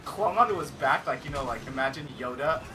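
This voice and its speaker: A young man in casual gaming chat, telling a story with animation and acting out his own panicked shouts. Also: fairly high pitch, lively intonation, fairly quick. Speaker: cast member telling a story. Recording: voice a little distant from the mic, faint hiss.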